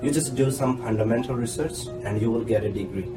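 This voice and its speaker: Speaking briskly in a medium pitch, an Indian-accented podcast guest in his thirties, who holds a doctorate, offers blunt, emphatic advice. Loud background music plays in an echoey room.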